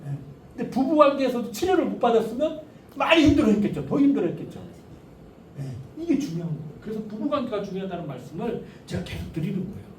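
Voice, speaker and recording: A middle-aged man giving a lively lecture on family life, joking with the audience and asking them questions. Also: high voice, fast talker. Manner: animated, jokey, asks audience questions. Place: lecture hall. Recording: echoey hall, distant mic, faint noise.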